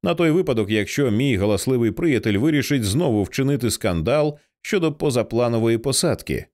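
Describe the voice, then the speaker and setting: A man reading aloud, voicing a practical, level-headed male pilot who gives calm, businesslike instructions. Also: medium pitch, a little fast, natural voice. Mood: firm.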